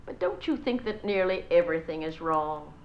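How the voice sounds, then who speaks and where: Heard on a dull old recording, a woman with a lowish, animated voice at a moderate pace performs solo as a bossy, gossipy society mother. She gushes to friends, then scolds her children between sentences.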